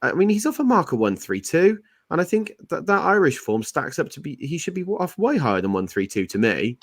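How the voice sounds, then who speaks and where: A man's voice: fairly high pitch, big pitch swings, a little fast, dry recording, clean studio sound. A man going through a horse's form in detail on a casual racing tips chat. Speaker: racing tipster panelist.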